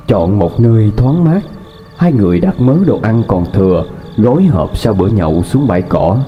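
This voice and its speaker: A man narrating a horror story in a steady, even storytelling voice. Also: fairly low pitch, moderate pace, a little hiss or hum. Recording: dull lo-fi with faint music.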